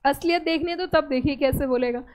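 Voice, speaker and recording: High-voiced Indian woman teaching a class. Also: a little fast. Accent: Indian English. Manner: explains step by step, asks the class questions. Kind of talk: classroom lecture.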